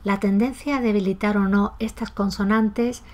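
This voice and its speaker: A woman giving a calm, methodical lesson on pronunciation, saying example words aloud to demonstrate, and softening the S at the ends of syllables in her own speech. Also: medium pitch, moderate pace. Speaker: language teacher. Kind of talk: explanatory lesson.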